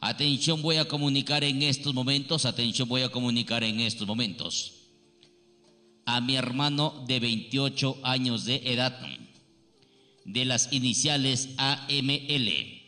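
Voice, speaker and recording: In a radio studio, a man hosting a faith-healing show conducts a healer consultation in an emphatic, preachy and repetitive way. His medium-pitched voice is bright and forceful, and he speaks a little slowly. The broadcast has reverb and music.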